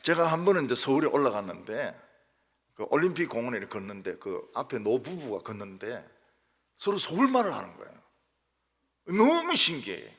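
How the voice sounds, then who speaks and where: Gravelly pastor in a church hall. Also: male voice, medium pitch, fairly quick. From Daegu, South Korea. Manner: lively storytelling with sudden loud jumps and quiet asides. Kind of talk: sermon. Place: church sanctuary.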